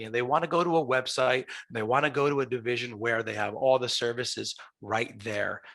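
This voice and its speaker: Raspy, bright-voiced man hosting a podcast. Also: medium pitch. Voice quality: raspy, like a smoker's voice. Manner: chatty, showman-like announcing. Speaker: podcast host. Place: small glass-walled office, video call. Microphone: headset boom mic.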